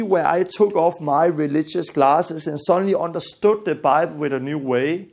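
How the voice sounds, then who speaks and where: A man's voice: on the high side, gravelly, darkish tone. A man from Denmark with a Danish accent and Danish as his first language, giving an earnest, emphatic Bible lesson that repeats its key phrases. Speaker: Bible teacher.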